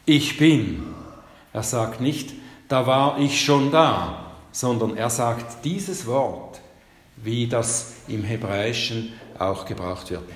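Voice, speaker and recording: A man preaching a sermon, slow and emphatic, leaning hard on the quoted scripture. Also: medium pitch. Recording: echoey hall, long reverb.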